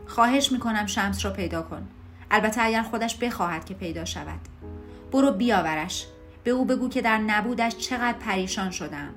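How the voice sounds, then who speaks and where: A woman reading the hushed, sorrowful pleas of a grieving older father in an audiobook, with faint music behind. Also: medium pitch, lightly acted. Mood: pleading.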